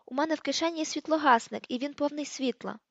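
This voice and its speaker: Woman doing a panicky teen boy yelling, high-pitched. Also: quick pace, gravelly, no room sound, lo-fi sound. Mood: frantic. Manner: shouting, desperate. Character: frantic teenage boy wizard.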